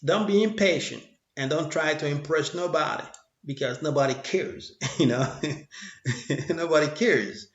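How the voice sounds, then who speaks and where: A man's voice: a little high, measured pace. Man preaching motivation in an echoey room. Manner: rambling, repeats phrases, preachy. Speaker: motivational speaker. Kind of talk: motivational monologue. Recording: echoey room, dull lo-fi sound.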